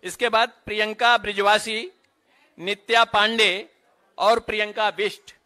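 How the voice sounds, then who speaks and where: A man announcing students' names one by one at an award ceremony, with brief instructions to the children between names. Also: high-pitched. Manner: steady roll-call of names, brisk stage directions. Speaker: event announcer.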